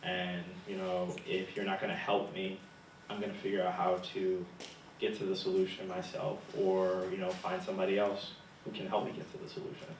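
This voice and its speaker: A man's voice: low voice, completely flat delivery, fairly quick, echoey room, recorded from a distance, background noise. A young man answering interview questions, telling stories with humor and laughing often. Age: young adult. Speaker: guest speaker, graduate student.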